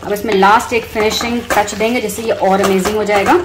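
Brisk and steady in tone, her mid-range voice carries a conversational cooking voice-over. She's a home cooking vlogger and host in her thirties with an Indian accent who mixes in English words, and sizzling kitchen noise is clearly present.

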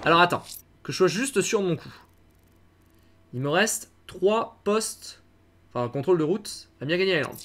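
A man's voice: high voice, lively intonation, normal speed, long pauses, a bit bright. A man from France commentating his gameplay, chatting and swearing at his viewers. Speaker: gaming streamer. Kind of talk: let's play commentary. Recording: game sound mixed behind voice.

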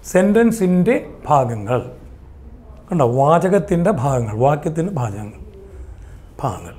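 A man's voice: a little high, a little mellow. A man with a Malayali accent teaching English grammar, asking the class questions and then answering them himself. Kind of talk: explaining grammar in a lesson.

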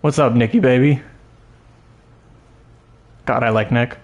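A man's voice: medium pitch, a little slow, highs cut off. A man streaming a video game live, chatting casually and rambling between moves.

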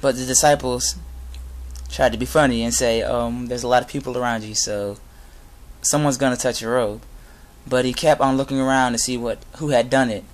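A young adult man giving an informal sermon with Bible readings, speaking earnestly and a little haltingly. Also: medium pitch, fairly even intonation. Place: inside a garage. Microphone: device camera at close range.

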